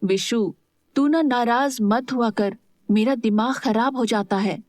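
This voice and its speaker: A woman narrator voicing an affectionate, protective young man who speaks softly and teases gently. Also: fairly high pitch, takes it slowly, no room sound, studio quality. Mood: tender. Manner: soft, tender, teasing.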